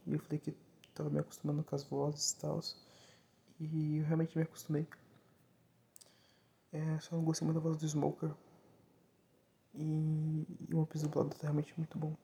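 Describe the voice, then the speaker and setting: A young Brazilian man whose hoarse voice is giving out, rambling casually and informally as a solo podcast host. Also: on the high side, completely flat delivery, brisk, long pauses, mellow. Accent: Brazilian Portuguese. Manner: informal, slangy, digressive.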